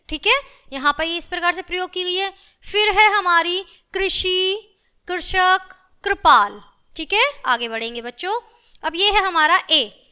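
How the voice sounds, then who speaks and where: A woman with a very high, bright voice teaches a grammar lesson to schoolchildren. She is patient and repetitive, slowly drawing out each sound and checking in with the class again and again.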